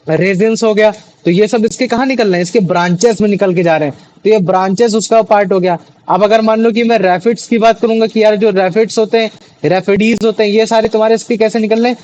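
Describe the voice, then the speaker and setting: Brief: male tutor, high pitch, chatty, keeps quizzing students, mix. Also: a little mellow, poor audio. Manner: chatty, repeats questions to students, many fillers. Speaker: teacher. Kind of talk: classroom biology lesson.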